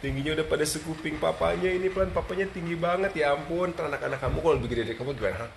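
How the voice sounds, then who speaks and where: A man's voice: fairly high pitch, very fast, creaky. A man hosting a casual live stream at home with his dogs, cooing baby talk at them and chatting to his viewers. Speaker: dog owner and live stream host. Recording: live stream with steady background noise.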